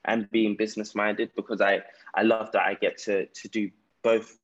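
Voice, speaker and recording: A man's voice: fairly low pitch, flat delivery, normal speed, lo-fi sound. A man with a South London accent telling his own story conversationally as an interview guest. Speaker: podcast guest, entrepreneur. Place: remote call from Ghana.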